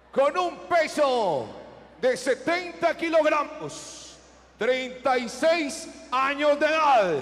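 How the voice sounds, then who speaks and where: A man ring announcer, shouting drawn-out, bombastic introductions like a lucha libre announcer over an arena PA. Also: very high voice. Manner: bombastic, stretching out words and names. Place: mixed martial arts arena over a PA. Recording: echoey hall PA with background noise.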